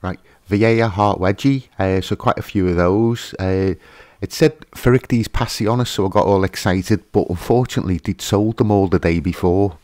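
A man's voice: fairly low pitch, moderate pace, darkish tone, no echo, clean studio sound. A man hosting a fishkeeping channel, giving a casual, hesitant voice-over with lots of fillers and restarts.

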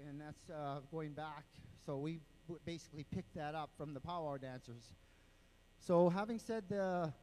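Guy on a handheld mic explaining dance steps, kinda high voice, counts out the beats. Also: darkish tone, rough recording. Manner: patient, step-by-step, counts out rhythms. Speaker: dance group spokesman and announcer. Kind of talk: explaining dances to an event crowd. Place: indoor powwow event.

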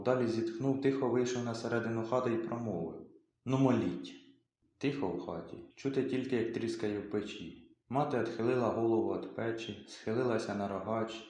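Male audiobook reader, low voice, measured expressive narration, very echoey room. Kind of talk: scripted literary narration.

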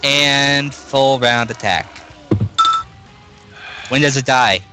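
A man's voice: mid-range voice, drawn-out words, pushed and bright, faint music behind. A man playing a tabletop game who questions the rules and asks about outcomes. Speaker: player. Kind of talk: casual tabletop game play.

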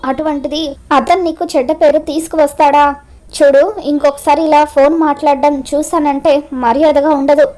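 A woman's voice: high voice, a little mellow, lightly acted. A woman reading as a stern bossy school principal. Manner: scolding, threatening.

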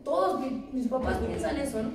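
A woman's voice: high-pitched, moderate pace. A woman in her thirties with a Mexican accent, giving a blunt, preachy testimony full of swearing at a recovery group meeting. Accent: Mexican Spanish. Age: 30s. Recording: echoey room, voice far from mic, noisy.

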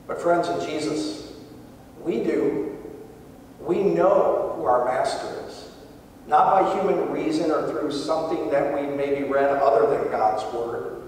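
The pastor, a middle-aged man, preaches with earnest emphasis from a pulpit in a big church sanctuary, building and easing his intensity. A far camera and pulpit microphone record his fairly high, darkish voice from a distance, leaving an echoey hall sound with a little hiss or hum.

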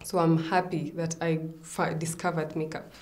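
A woman's voice: sits low, level tone, moderate pace, darkish tone. A young woman, a makeup artist answering interview questions in an easygoing way.

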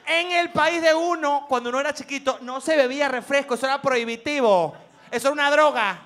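A man with a Venezuelan accent doing a comic monologue as show host, animated and laughing, slipping into mock voices. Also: very high voice, fairly quick. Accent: Venezuelan Spanish.

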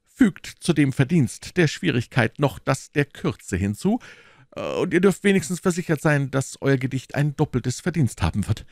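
A bold, quick-witted young musketeer who loves to tease, as a man reads him. The voice rides high above the reader's own, exclaiming and animated. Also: gravelly, no echo, clean studio sound. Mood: teasing. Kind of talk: audiobook character reading.

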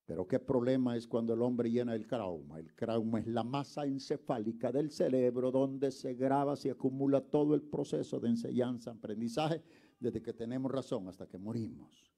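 A man preaching a sermon, swinging from quiet murmurs to shouts and calling on the congregation to answer him. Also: medium pitch, moderate pace, vocal fry. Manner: calls on the congregation to respond.

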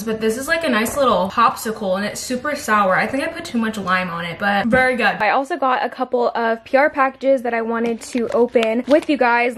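A woman's voice: fairly high pitch, a bit bright, a little hiss or hum, low-quality recording. A young woman with a slight lisp, chatting casually to her camera in her bedroom as a lifestyle vlogger, with lots of "like" in her talk. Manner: chatty, fills speech with "like". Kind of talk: casual vlog chat. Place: bedroom at home.

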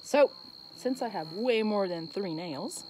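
A woman's voice: mid-range voice, expressive, slow, darkish tone. A woman chatting casually for an outdoor vlog, thinking aloud and interrupting herself as she goes. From Acadian Canada. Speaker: vlogger. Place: outdoors on a bridge over water. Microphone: phone set on the bridge. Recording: noisy outdoor phone recording, traffic, insects.

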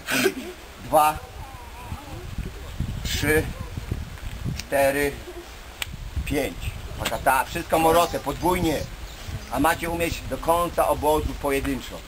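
A man's voice: mid-range voice, slow pace, pauses often. A man leading a karate class, calling out counts and commands and correcting students in a stern coaching manner. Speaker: karate instructor. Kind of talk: barking drill commands and counts. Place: outdoor training camp with a group. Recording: noisy outdoor camera audio with group.

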